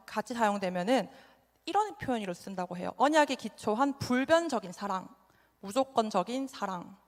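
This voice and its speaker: A young woman preacher with a somewhat high voice talks through a sermon in a relaxed, chatty way. She keeps turning to her listeners with direct questions. Her voice rings with the long reverb of a church hall. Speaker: youth evangelist. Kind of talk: conversational sermon.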